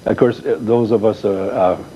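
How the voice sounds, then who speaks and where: A man's voice: on the low side, steady tone, slight background noise. Older man telling folksy stories, dull audio. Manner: folksy storyteller, halting with many fillers. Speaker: guest. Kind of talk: casual reminiscing.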